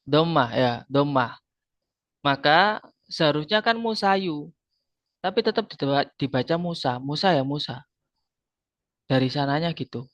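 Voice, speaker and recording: A man teaches a grammar lesson in a fairly high voice. He explains patiently, repeats each term and quizzes his students. The sound is dull and lo-fi, with a dry, close feel. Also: expressive, measured pace, long pauses, fairly bright tone, no echo.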